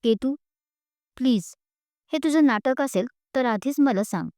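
A woman voicing an anxious, upset young male student who pleads in a low, hushed way, in a spoken storybook. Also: lively intonation, unhurried, dry recording, studio quality. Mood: anxious, pleading.

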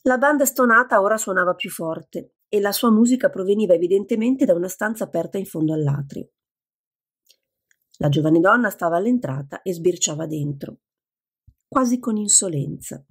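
A woman with a gravelly, husky voice reading an audiobook as narrator in a steady, even manner. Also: mid-range voice, normal speed. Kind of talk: scripted narration.

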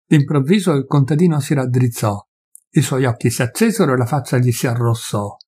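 A man reading a literary story aloud in a measured narrating manner. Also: medium pitch, darkish tone, slightly rough. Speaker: audiobook reader.

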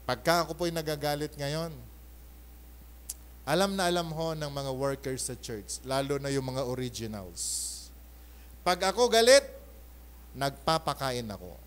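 Preaching at church on a Sunday, a male pastor uses both Tagalog and English and keeps things animated, calling often for an amen. He shifts from loud bursts to soft asides, speaking in a mid-range voice at an unhurried pace with frequent pauses.

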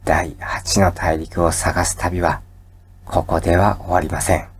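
Very deep, slow, breathy male pillow-talk narrator. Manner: calm, soothing, measured bedtime delivery. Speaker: narrator of a sleep-aid science lecture. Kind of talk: soft pillow-talk scripted narration for falling asleep.

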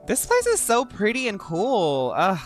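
A woman's voice: medium pitch, huge pitch swings, unhurried. A woman giving casual, theatrical game commentary, full of playful jokey asides. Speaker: game streamer. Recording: game music behind the voice.

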